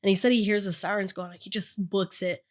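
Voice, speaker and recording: A woman's voice: medium pitch, fairly quick. A young woman co-hosting a podcast in casual chat, telling stories with lots of swearing and laughter. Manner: swearing, laughing, animated storytelling. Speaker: podcast co-host.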